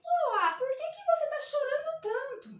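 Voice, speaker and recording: A woman voicing a kind little letter O who gently comforts a friend in a storybook lesson, recorded from a distance in an echoey room. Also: very high voice, lively intonation, normal speed, voice pushed up. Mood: comforting. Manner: soothing, gentle.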